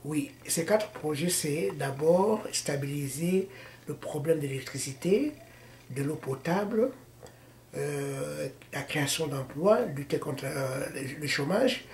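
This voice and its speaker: A man from the Democratic Republic of the Congo with a Congolese French accent, answering interview questions haltingly, with many fillers and restarts. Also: a little high, animated, creaky, darkish tone. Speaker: interviewee, political party founder. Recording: echoey room with faint noise.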